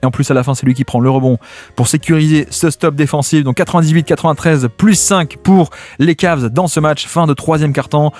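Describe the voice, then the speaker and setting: A man's voice: a little high, a little fast, a little mellow, faint music behind. A man explaining basketball tactics over game footage, talking in the first person as the players and dropping in "hein" and "hop". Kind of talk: video breakdown commentary over game footage.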